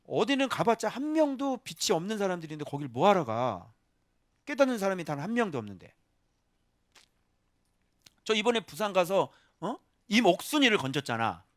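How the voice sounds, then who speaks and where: A man preaching a sermon as a pastor, animated, acting out voices and breaking into sudden shouts. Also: sits high, normal speed, pauses often, dry recording, studio quality.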